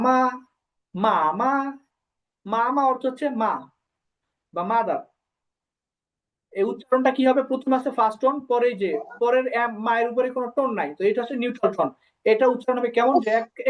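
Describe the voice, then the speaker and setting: Female teacher, slightly high voice, patient and repetitive, dull lo-fi sound. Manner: explains slowly, repeats syllables for students to copy. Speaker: language teacher. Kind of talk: online class lecture.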